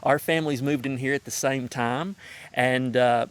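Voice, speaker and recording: Appalachian guy from the north carolina mountains telling stories to introduce a performer, folksy, medium pitch. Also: fairly even intonation, normal speed, smooth. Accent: Southern Appalachian. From Madison County, North Carolina mountains, United States. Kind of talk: prepared introduction speech, storytelling.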